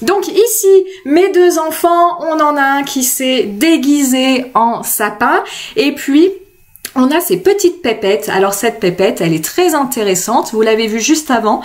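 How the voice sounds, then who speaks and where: A woman's voice: high-pitched, lively intonation, unhurried. A woman from France talking through a craft tutorial in a casual, chatty way, with many hesitations and self-corrections. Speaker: craft video host.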